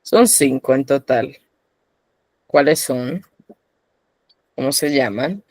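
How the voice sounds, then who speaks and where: A woman's voice: rumbling low, lively intonation, slow pace, darkish tone, no room sound. A woman teaching a live online language class, quizzing her students by name and patiently encouraging them. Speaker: Korean teacher.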